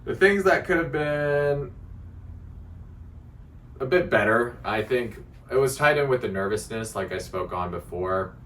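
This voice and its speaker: A man with a deep, resonant, articulate voice chatting casually to viewers in a reflective self-critique, halting as he thinks aloud. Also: animated, fairly bright tone. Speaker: beginner stand-up comedian. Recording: distant mic, faint background noise.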